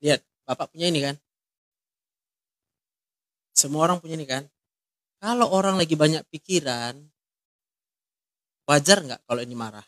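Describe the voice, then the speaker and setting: A man's voice: fairly high pitch, fairly bright tone, dry recording. A man, counseling someone one-on-one and asking many short, direct questions. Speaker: counselor in a ministry.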